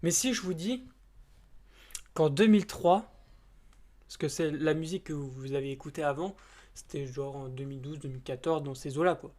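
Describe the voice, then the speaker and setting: A man's voice: a little high, moderate pace, long pauses, darkish tone. Rambling, hesitant young man chatting casually. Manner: rambling and hesitant, with many fillers and restarts; informal and a bit crude. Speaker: YouTuber. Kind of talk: casual chat to camera.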